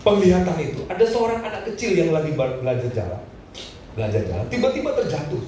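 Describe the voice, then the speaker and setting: A man preaches to a congregation in a big echoing hall, heard from some way off the mic. His voice sits high and swings lively up and down as he tells his story and chuckles between lines, with a faint room hum behind. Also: fast talker. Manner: storytelling, addresses the congregation, laughs between phrases. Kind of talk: sermon with personal testimony. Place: church hall. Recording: echoey hall, voice from a distance.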